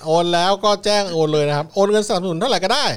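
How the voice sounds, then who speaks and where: A man co-hosting a live show in casual banter, informally pitching to viewers and often repeating his phrases. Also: rapid-fire, clear, resonant tone. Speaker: co-host of a live news-comedy show.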